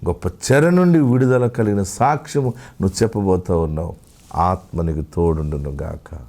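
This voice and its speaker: A man with a Telugu accent preaching a sermon as pastor, slow and emphatic, sometimes dropping to a low, hushed voice.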